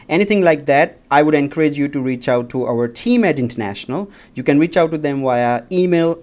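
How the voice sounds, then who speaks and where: A man's voice: mid-range voice, darkish tone. A man moderating a livestream panel, giving formal notes to viewers in a polite, announcing manner.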